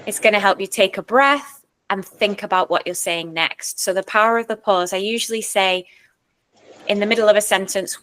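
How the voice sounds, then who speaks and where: A woman's voice: medium pitch, normal speed, a bit bright. Woman coach explaining in ordered points. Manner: clear, structured explanations with numbered points; sometimes demonstrates techniques in her own voice. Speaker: speaking coach and speech therapist. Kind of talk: expert answering interview questions.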